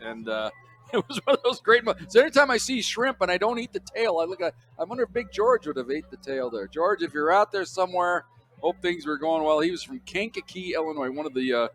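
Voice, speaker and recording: A man's voice: on the high side, fairly bright tone. An older man calling a college football game on radio, chatty and fond of telling stories between plays. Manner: storytelling, chatty, chuckling. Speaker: play-by-play announcer. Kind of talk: radio sports commentary. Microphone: broadcast booth microphone.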